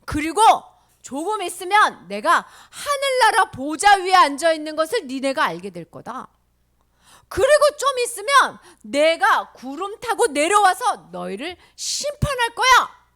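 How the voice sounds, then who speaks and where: A woman's voice: very high-pitched, huge pitch swings, brisk, few pauses, pitched above the performer's own voice, heavily acted. Woman voicing an earnest, steadfast Jesus. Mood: solemn. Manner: firm, earnest, at times whispered. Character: steadfast, gentle male Jesus figure.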